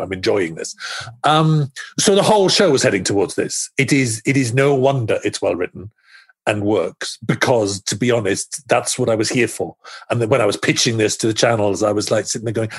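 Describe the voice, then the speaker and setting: A man's voice: medium pitch, husky. A middle-aged man being interviewed as a screenwriter, talking animatedly, often restarting his sentences and acting out his own thoughts. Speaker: screenwriter guest. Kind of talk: podcast interview conversation.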